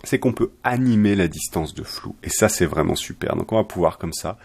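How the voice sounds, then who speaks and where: A man explaining software step by step in a chatty, self-correcting tutorial style. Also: low voice, lively intonation, fairly quick, creaky, breathy edge. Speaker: software trainer. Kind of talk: screen-recorded software tutorial.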